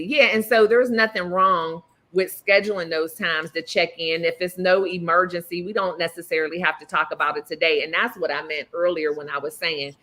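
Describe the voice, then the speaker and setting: Podcast host, woman, low-ish bright forceful voice, emphatic. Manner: animated, emphatic, laughs often. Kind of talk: casual panel chat.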